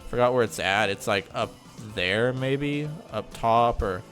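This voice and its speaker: Here the gaming channel host speaks a little slowly in a mid-range, fairly bright voice, with faint music in the background. Slightly nasal from mild congestion, he rambles chattily through the gameplay, frequently umming and correcting himself.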